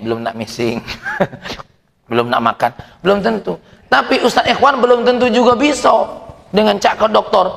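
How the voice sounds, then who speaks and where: A man's voice: medium pitch, gravelly, long reverb tail. A man preaching a sermon in a mosque, joking and asking rhetorical questions while his voice rises and falls. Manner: lively, jokes and rhetorical questions, voice rising and falling. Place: mosque hall.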